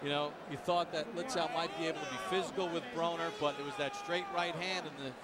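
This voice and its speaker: A man's voice: a little high, fairly even intonation, fast, a loud crowd. A man giving live boxing commentary in an emphatic, polished broadcast delivery. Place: ringside at a boxing arena. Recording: noisy arena ambience.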